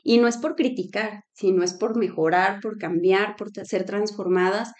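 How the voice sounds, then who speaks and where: A woman's voice: mid-range voice, normal speed. A woman co-hosting a casual faith-based talk show, telling stories and laughing often. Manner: storytelling, laughs often, animated quotes. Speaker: co-host.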